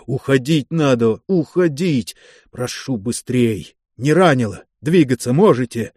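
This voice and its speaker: Fierce officer, strained barked orders, loud, voiced by a male narrator; war audiobook. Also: medium pitch, expressive, unhurried, breathy edge, no echo, clean studio sound. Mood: urgent. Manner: strained, commanding shouts.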